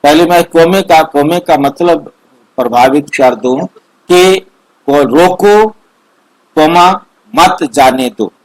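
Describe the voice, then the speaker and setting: A middle-aged man slowly explaining a spiritual text line by line as study leader, repeating and restating his points in an online meeting. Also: on the high side, rough recording. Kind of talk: slow line-by-line scripture explanation. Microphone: online video meeting.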